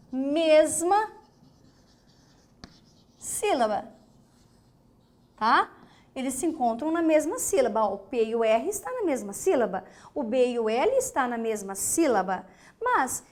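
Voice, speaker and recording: A woman teacher with a Brazilian Portuguese accent giving a grammar lesson, emphatic, repeating key words and checking in with the class. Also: high voice.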